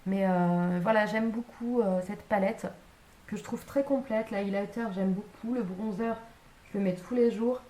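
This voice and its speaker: Young woman rambling thru a makeup haul, mellow voice, lots of ums, echoey room. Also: medium pitch, unhurried, a little hiss or hum. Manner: rambling, many hesitations and self-corrections. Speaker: beauty vlogger. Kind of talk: casual haul chat to camera.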